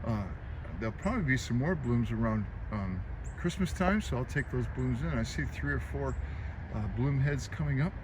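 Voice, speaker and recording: An American garden vlogger talks casually and plainly outdoors in his home garden, explaining things informally as he goes. His medium-pitched voice is expressive, at a moderate pace. Traffic and outdoor ambience make the recording noisy.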